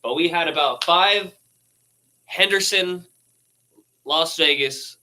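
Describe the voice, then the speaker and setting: A laid-back man riffing on news headlines in a rambling, casual way. His voice is bright and forward, and he swears freely and laughs between his asides. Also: fairly high pitch, slow, low-quality recording. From United States. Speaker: streamer reading news posts.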